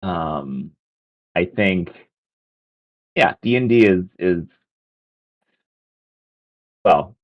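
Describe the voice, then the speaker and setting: A man with a very deep voice co-hosting a casual talk stream. He thinks out loud, hedging and restarting often. The sound is dull and lo-fi. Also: lively intonation, very slow, pauses often. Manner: hesitant, full of "I mean" and restarts. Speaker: podcast co-host.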